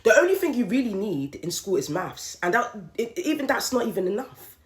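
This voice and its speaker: Speaking briskly in a sing-song, mid-range voice, a woman in her late 30s hosts a podcast alone, candidly airing her thoughts with emphatic repetition. The recording has a roomy, echoey sound.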